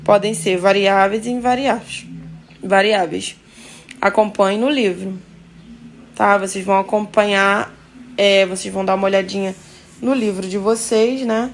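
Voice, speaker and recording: A woman's voice: mid-range voice, steady tone, a little slow, slight background noise, low-quality recording. A woman teacher with a Brazilian Portuguese accent, giving a recorded grammar lesson. She reads out rules and then explains them in her own words, often checking in with "tá?" and "né?".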